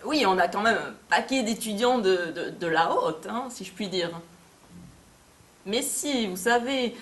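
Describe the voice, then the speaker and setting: A woman's voice: mid-range voice, expressive, measured pace, fairly bright tone. A woman playing a gossipy caller in a student comedy sketch. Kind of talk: comic sketch acting.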